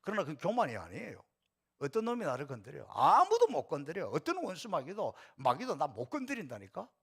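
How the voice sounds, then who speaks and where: A middle-aged man preaches in a church with a husky voice. His pitch sits high for a man and swings widely as he talks straight to the congregation. He acts out imagined retorts in a conversational way. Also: wildly swooping pitch, quick pace, a bit bright. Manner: addresses congregation directly. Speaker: pastor. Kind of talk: sermon. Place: church sanctuary.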